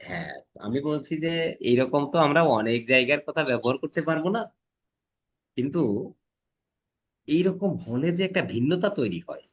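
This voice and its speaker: A man's voice: fairly high pitch, animated, moderate pace, pauses often, dull audio. Bangladeshi-class teacher, man, emphatic lecture. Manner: demonstrates pronunciation with loud emphatic stresses; questioning students often.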